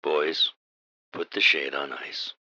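An actor playing a pompous villain mastermind in a comic radio drama, with slow, theatrical menace and easily exasperated. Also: male voice, very deep voice, level tone, bright, forceful tone, dull audio, heavily acted. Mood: smug menace. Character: pompous, exasperated male villain mastermind of evil professorial henchmen.

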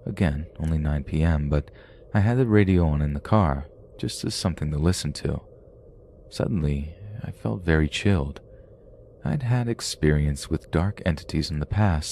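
A man with an exceptionally deep, dark-toned voice reads spooky stories aloud as a podcast host. He keeps a steady, measured storytelling pace throughout. Faint room ambience sits under his voice. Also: a little hiss or hum. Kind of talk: reading paranormal stories aloud.

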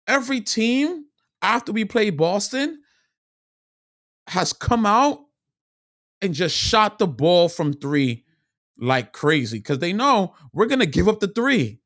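A sports vlogger rants to camera with strong opinions, animated and frustrated, repeating himself for emphasis. His voice is high, and the studio-quality recording has no room sound.

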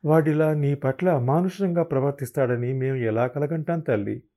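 A man voicing an affectionate, protective older mother-in-law in an audiobook reading, coaxing and quick to worry. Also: on the high side, dark tone, close to an everyday voice. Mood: explaining. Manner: coaxing, worried, quickly indignant.

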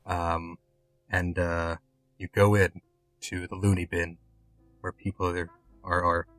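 Bright-voiced man narrating a tabletop game. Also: deep voice, little pitch movement. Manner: halting, repeats words as he improvises. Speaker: game master.

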